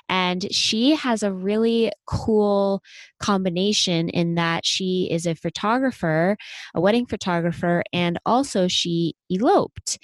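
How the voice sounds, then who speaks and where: A woman's voice: on the low side, darkish tone, clear, resonant tone, no room sound. Woman podcast host talking with a retainer. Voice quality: slightly impeded speech from wearing a retainer and braces. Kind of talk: podcast introduction and interview chat.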